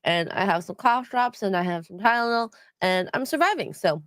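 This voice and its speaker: Expressive and moderately paced, a woman with a mid-range voice co-hosts a casual livestream chat, sounding nasal because of a cold. She reads out donations, rambling with plenty of ums, and the studio-clean audio has no room sound.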